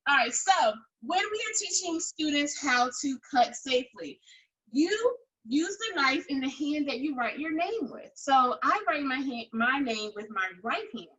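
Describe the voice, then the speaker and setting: Leading children through a cooking demo one step at a time, a kids' cooking school teacher and host keeps things encouraging and instructive, repeating important phrases. She speaks high and unhurried, with big pitch swings and a fairly bright tone, on a rough recording.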